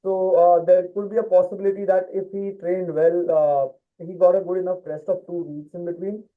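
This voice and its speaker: A man's voice: high-pitched, level tone, moderate pace. A man co-hosting a casual football chat, talking with many fillers and restarts. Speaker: podcast co-host. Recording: tinny phone-like line.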